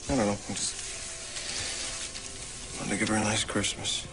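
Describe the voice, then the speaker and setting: An actor playing a soft-spoken, kind family man in a naturalistic TV movie, speaking gently and briefly. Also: lowish voice, level tone, moderate pace, background noise, natural voice. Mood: tender. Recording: loud music behind dialogue.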